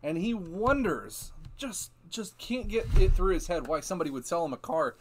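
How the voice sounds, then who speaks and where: A man from Ohio hosting a casual live stream, telling lively dealership stories with frequent laughs. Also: sits high, normal speed, slight background noise. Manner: animated storytelling, laughs often. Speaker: host.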